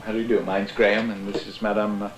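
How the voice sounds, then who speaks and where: A man's voice: on the low side, little pitch movement, fast, background noise, close to an everyday voice. An actor playing a reserved, somewhat awkward American man who speaks dryly. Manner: dry, understated, slightly awkward. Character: American engineer, reserved and polite. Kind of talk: film acting. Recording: echoey film soundtrack with music.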